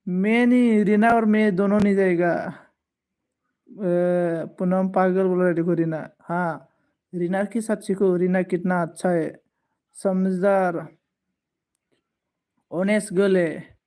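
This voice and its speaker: A man's voice: high voice, steady tone, slow pace, pauses often, a little mellow. A man hosting a casual live stream, greeting viewers by name and teasing them as he answers their comments.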